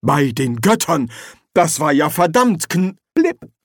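A narrator voicing a loud, commanding male archchancellor wizard in an audiobook. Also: mid-range voice, sing-song, slow, no echo, clean studio sound, voice pushed up, exaggerated voice.

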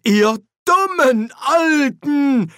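Man doing a stressed-out young wizard, pitched way up, snappy and sarcastic. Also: very animated, unhurried, no room sound, clean studio sound. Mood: panicked. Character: young harried male wizard, anxious and sarcastic.

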